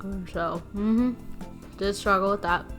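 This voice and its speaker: A woman talking her way through a furniture restoration vlog in a loose, rambling way, with plenty of fillers and some self-deprecating asides. Her voice sits at a middle pitch. Faint music plays underneath. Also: fairly even intonation, unhurried, fairly bright tone. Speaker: furniture flipping vlogger. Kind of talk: casual chat while working.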